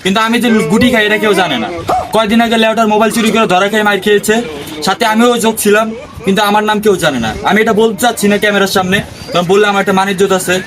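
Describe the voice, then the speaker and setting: A man's voice: high voice, steady tone, a crowd in the background, natural voice. A man playing a boastful, shady adult man who bosses and threatens people in a comedy sketch. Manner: blustering, bossy, quick to threaten. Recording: music playing under the voice.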